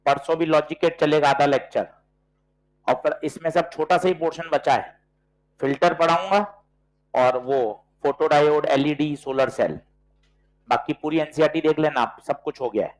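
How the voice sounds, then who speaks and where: Brisk, coaxing male physics teacher. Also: a little high, rough recording. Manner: brisk, coaxing, quizzes students with short questions. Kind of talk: classroom lecture with problem solving.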